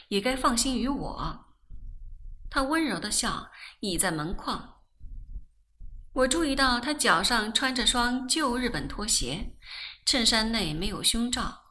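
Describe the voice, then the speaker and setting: A woman reading a novel aloud as audiobook narration, slow and expressive. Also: fairly high pitch. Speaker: audiobook reader.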